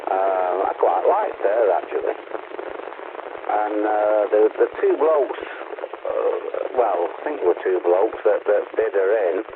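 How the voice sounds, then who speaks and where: A man chatting casually over a CB radio, rambling and swearing freely. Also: fairly low pitch. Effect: heard over a CB radio. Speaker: CB radio caller. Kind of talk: casual chat. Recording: noisy, phone-like CB radio.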